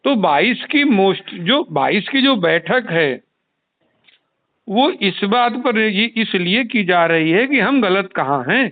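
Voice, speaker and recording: Speaking slowly and expressively in a high register, a man takes the role of a union leader during an informal phone conversation. He presses his explanation and repeats himself, and the recorded call sounds tinny.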